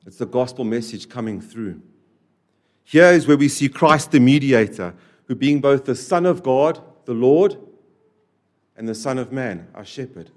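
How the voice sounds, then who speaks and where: A man preaching a sermon to a church, repeating key phrases and swinging between loud, stressed lines and quiet, dropped endings. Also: medium pitch, animated, a little slow. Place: church service.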